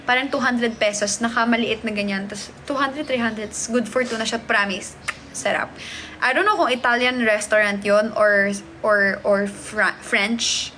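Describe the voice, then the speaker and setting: A woman's voice: on the high side, sharp tone, slight background noise. A woman hosting a casual live stream from a hotel, chatting and greeting viewers as she reads their comments. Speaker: livestream host. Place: hotel room.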